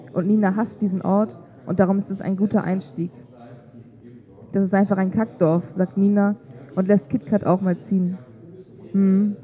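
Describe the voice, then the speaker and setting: Over a thin, phone-like recording, a female narrator with a medium-pitched voice reads a literary story in a calm, measured manner.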